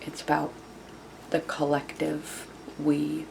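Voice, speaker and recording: Female vlogger, hushed and quiet as if not to wake anyone, flat low delivery, informal advice, noisy room recording. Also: takes it slowly, gravelly. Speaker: video channel host. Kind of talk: casual self-help vlog, informal advice talk.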